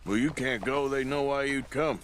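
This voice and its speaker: An actor playing a gruff, self-assured Western outlaw with an American accent in a video game. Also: male voice, medium pitch, moderate pace, slight background noise, natural voice. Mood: low, resolute.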